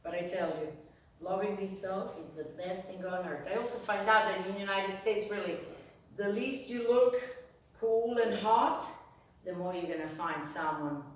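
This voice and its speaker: A woman doing a bawdy stand-up routine, telling a story with lively sound effects and acted-out voices. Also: medium pitch, moderate pace, recorded from a distance, a little hiss or hum. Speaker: stand-up comedian. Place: comedy club stage. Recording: echoey room, mic from afar, audience. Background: audience.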